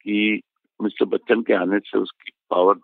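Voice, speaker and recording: A man's voice: lowish voice, level tone, measured pace, creaky, no room sound. An older man answering interview questions about his advertising work in a reflective, folksy way, giving homespun advice. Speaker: advertising veteran guest. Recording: dry tinny phone-like sound.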